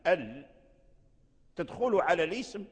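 A somewhat high-voiced man gives a recitation lesson, going back over each example word again and again. His voice trails off into a long hall reverb. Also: very animated, unhurried, a little mellow, husky. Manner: explains by repeating each word several times. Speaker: Quran recitation teacher. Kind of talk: classroom lesson explanation.

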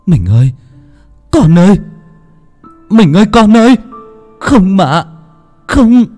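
A man's voice: deep voice, very animated, normal speed, warm tone, slightly rough, faint music behind, full character voice. A man voicing a grieving husband crying out repeatedly for his wife and son. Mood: anguished. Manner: sobbing, repeating cries. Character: grieving truck-driver husband, anguished.

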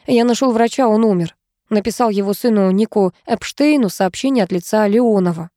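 A woman's voice: mid-range voice, a little fast, warm tone, no echo, clean studio sound, natural voice. A woman voicing a methodical male computer investigator who questions and explains, in an audiobook reading. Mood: probing.

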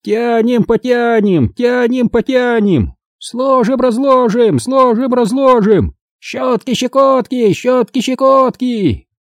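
A man voicing a mob of nasty garden gnomes in a high sing-song chant. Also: slow, hardly any pauses, dry recording, clean studio sound. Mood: gleeful chanting.

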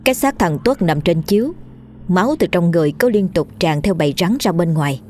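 A woman narrating a horror story in a steady storytelling manner. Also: fairly low pitch, fairly quick, slight background noise.

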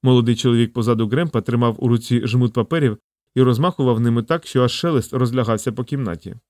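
Male narrator, mid pitch, dry studio sound, even storytelling. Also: fast talker, no echo. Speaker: audiobook reader. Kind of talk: scripted narration.

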